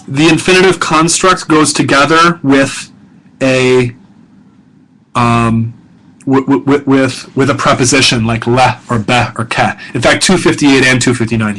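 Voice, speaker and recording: Poor audio captures a middle-aged man, a professor, narrating a grammar lesson for students in a mid-range, fairly bright voice. His style is casual and self-correcting, with many fillers and frequent check-ins.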